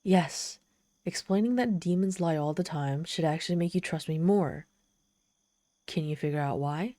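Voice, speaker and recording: In an ASMR roleplay monologue told as dramatic storytelling, a woman voices a proud, lonely, trapped female demon, sardonic and exasperated yet with a pleading, vulnerable streak. Her voice sits low, at a moderate pace, mellow and close to an everyday voice, with no echo.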